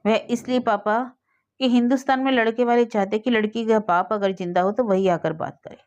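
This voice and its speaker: An outspoken young adult daughter presses her point, calm but firm and insistent, as a woman storyteller reads her. The recording is dull and lo-fi, at a middling pitch. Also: normal speed, lightly acted. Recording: dull lo-fi audio.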